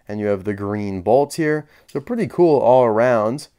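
A man's voice: medium pitch, animated, moderate pace, mellow, smooth. A man chatting casually as he unboxes and reviews collectible toy cars, candid and dryly sarcastic.

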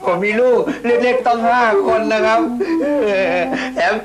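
A man plays a scheming debtor milking a tearful story for pity. He stammers through constant fillers and sobs in a high voice. Loud music plays behind him. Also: a little slow. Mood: pleading. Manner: sobbing, pleading, stammering with fillers. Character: male debtor faking a tearful sob story.

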